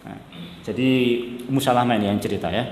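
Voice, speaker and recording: A man's voice: fairly high pitch, moderate pace, slight background noise. A man giving a religious study lecture as a preacher, chatty, often checking that listeners follow, laughing, and chanting Arabic text. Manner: mixes in Javanese phrases and chants Arabic text. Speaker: Islamic preacher. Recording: echoey hall, long reverb.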